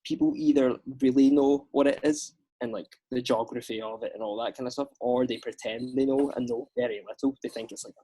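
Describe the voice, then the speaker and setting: A young Scottish man with a husky, slightly breathy voice, chatting on a podcast. He talks in loose, animated stories that are packed with fillers. His pitch sits in the middle range for a man. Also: brisk, hardly any pauses. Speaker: actor guest. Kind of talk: casual podcast chat.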